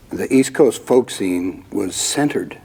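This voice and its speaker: An older man hosting a casual interview, reminiscing in an animated way with lots of "I mean". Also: fairly low pitch. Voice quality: gravelly, husky. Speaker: host.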